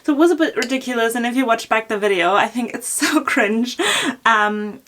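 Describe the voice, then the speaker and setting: A woman's voice: fairly high pitch, moderate pace, fairly bright tone, a little hiss or hum. A young woman chatting casually in a Q&A video, rambling with many fillers and restarts while doing her makeup. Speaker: fashion YouTuber. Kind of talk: casual Q&A chat.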